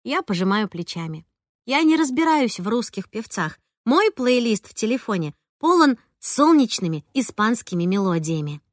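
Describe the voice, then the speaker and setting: A woman narrating a first-person audiobook in a lively, conversational way. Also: mid-range voice, dry recording, studio quality. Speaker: audiobook reader.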